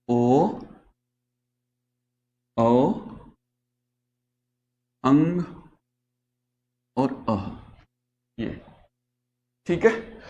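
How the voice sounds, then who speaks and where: A man's voice: a little high, a little mellow. A male teacher giving a classroom grammar lesson, patiently explaining and asking students questions that he then answers himself.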